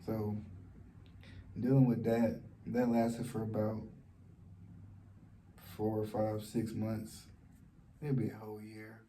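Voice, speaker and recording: A man talking in a personal vlog, speaking softly and low in a halting way, with many fillers and restarts. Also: completely flat delivery, slight background noise. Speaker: vlogger. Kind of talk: personal vlog, sharing a story of loss.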